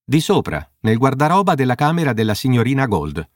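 A man reading an audiobook voices a calm, unbothered butler who answers matter-of-factly. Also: medium pitch, brisk, no echo, clean studio sound, pitched above the performer's own voice, natural voice. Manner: matter-of-fact.

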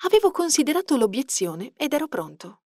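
Expressive woman reading an audiobook. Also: sits high, fairly quick, no room sound, studio quality. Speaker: audiobook narrator. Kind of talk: scripted narration.

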